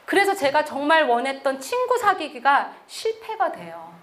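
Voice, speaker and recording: Lively high-voiced woman giving testimony. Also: normal speed. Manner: animated storytelling, acts out quotes. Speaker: missionary. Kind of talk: testimony sermon.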